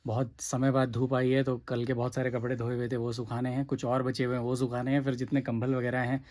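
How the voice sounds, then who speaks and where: A man talks straight to his viewers in a casual home vlog, in an easy, homely way. He runs through the chores of the day as if chatting with friends. His delivery is relaxed and everyday. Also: mid-range voice, brisk. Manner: homely, easygoing everyday talk about chores. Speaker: family vlogger. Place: home, indoors.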